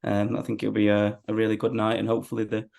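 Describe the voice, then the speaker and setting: A man's voice: fairly low pitch, completely flat delivery, quick pace, vocal fry, darkish tone. A man, chatting casually as a football fan being interviewed.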